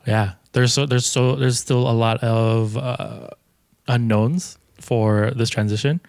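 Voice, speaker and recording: A young man co-hosting a casual faith-based chat, talking in a relaxed, reflective way and often restarting his sentences. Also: mid-range voice, slow pace, no room sound, clean studio sound. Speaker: co-host.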